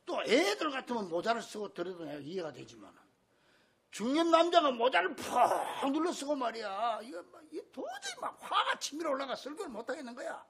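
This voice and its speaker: Male pastor, sermon in a church, animated storytelling, bright husky voice, swings wide in pitch. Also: a little fast. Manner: animated storytelling, bursts into shouting. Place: church sanctuary.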